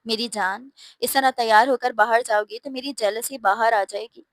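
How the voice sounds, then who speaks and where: A woman's voice: on the high side, steady tone, normal speed, dry recording, close to an everyday voice. A woman voicing a teasing young husband. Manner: playful, teasing.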